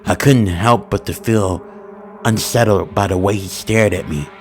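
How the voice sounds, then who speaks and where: A man narrating a first-person horror story in a steady, ominous storytelling manner with informal grammar. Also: on the low side, a little slow, slight background noise.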